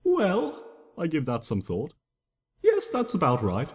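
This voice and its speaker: Reading his fan fiction at a slightly slow pace, the man delivers a first-person tale dramatically, with a playful trickster's theatricality. His voice sits a little high and swings hugely in pitch, echoing at length around a reverberant room.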